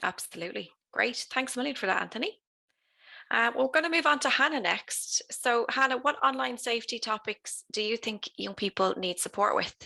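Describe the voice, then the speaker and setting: Casting: female Irish interviewer, crisp bright tone, gravelly creak, mid pitch. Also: lively intonation, fairly quick. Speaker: interviewer, youth officer. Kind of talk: structured interview questions.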